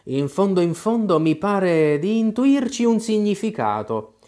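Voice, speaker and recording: A man's voice: sits high, big pitch swings, unhurried, mellow, voice pushed up. A man voicing a pompous, muddled old king who mutters as he presides over a trial. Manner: muttering, self-satisfied.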